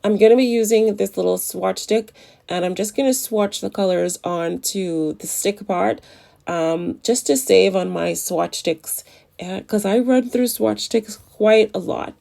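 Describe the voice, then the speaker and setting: Still getting over the flu, which leaves her voice a little off, a woman chattily walks through a casual nail tutorial and gushes about products. She speaks a little slowly in a mellow, medium-pitched voice with vocal fry.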